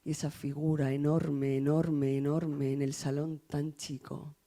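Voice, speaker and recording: Woman poet, measured poetry reading, warm dark tone, trails off quietly at line ends. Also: deep voice, flat delivery. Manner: measured, dropping softer at the end of verses. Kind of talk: poetry recitation. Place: reserved room in a café.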